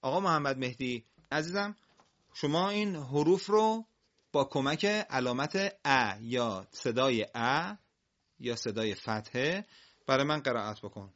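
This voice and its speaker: A man teaching a broadcast classroom lesson on Quran reading, patiently drilling single syllables loudly for his pupils and listeners. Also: medium pitch, expressive, lo-fi sound.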